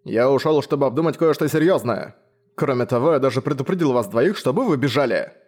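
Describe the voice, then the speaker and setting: A man's voice: mid-range voice, expressive, a little fast, a little mellow, lightly acted. Man as a pompous, cowardly vampire baron. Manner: pompous, indignant.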